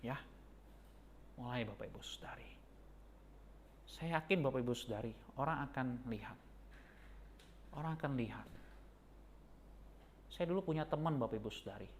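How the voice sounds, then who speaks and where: A man, a pastor preaching a sermon with lively storytelling that jumps to a high, excited pitch. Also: moderate pace, long pauses, a little hiss or hum.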